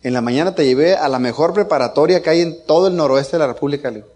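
A man's voice: on the high side, racing, a little mellow. A middle-aged man with a Mexican accent telling a casual family anecdote, joking and chuckling as he goes. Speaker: father telling a story.

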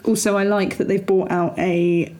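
A woman's voice: mid-range voice, moderate pace. A woman, chatting casually and laughing as she reacts to a video. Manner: chatty, expressive, laughs often. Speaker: podcast co-host reacting to a video. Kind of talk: casual chat.

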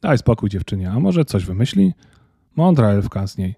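A man voicing a blunt but gentle male reindeer in a storybook reading, plain-spoken and calm. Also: lowish voice, normal speed, creaky, husky, no echo, studio quality, full character voice.

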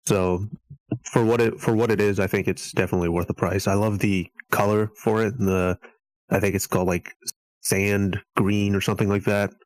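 A man's voice: lowish voice, little pitch movement, normal speed, a little mellow, no room sound, rough recording. A man, a podcast guest, chatting casually in a hesitant, meandering way.

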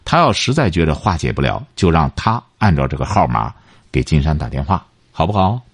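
A man's voice: extremely low pitch, sing-song, a little fast, husky, no room sound, studio quality. A man hosting a call-in radio advice show, lecturing and scolding his caller and cutting in on her. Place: radio studio.

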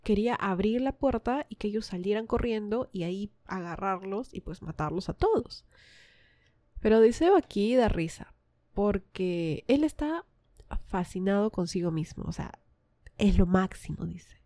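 A woman's voice: mid-range voice, lively intonation, normal speed, dark tone, no room sound, studio quality. A woman retelling a myth in a casual, chatty way, with asides to her listeners. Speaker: storyteller.

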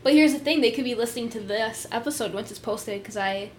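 A woman's voice: a little high, fast, a little hiss or hum. A young woman co-hosting a podcast, chatting casually about urban legends with lots of fillers and laughter. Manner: giggly, filler-heavy, animated. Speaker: podcast co-host.

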